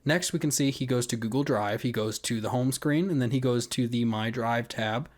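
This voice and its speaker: A man's voice: mid-range voice, moderate pace. Casual man explaining things. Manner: conversational, explanatory, often checking with "right?". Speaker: video creator walking through an account hack. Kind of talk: casual screen-recording commentary.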